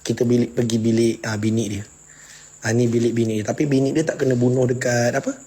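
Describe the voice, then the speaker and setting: A man's voice: mid-range voice, fairly even intonation, fast, warm tone, slightly rough. A man with a Malaysian Malay accent, a paranormal explorer leading viewers through an abandoned house at night in casual, chatty narration. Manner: chatty, addresses viewers as a gang.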